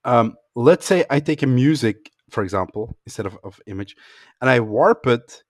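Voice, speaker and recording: A man's voice: medium pitch, expressive, normal speed, dry recording, clean studio sound. A man hosting a casual discussion, challenging his guest's points as a devil's advocate.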